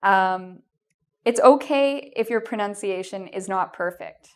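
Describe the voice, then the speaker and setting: Her voice is medium-pitched, clear and resonant, and she takes her time. She's a Canadian English teacher giving exam advice in a video lesson, warm and encouraging, frequently filling pauses with "um" and asking "okay?"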